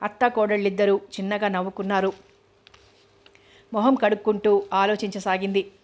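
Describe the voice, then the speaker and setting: A woman reading a novel aloud as narrator, in a steady, even storytelling manner. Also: mid-range voice, normal speed.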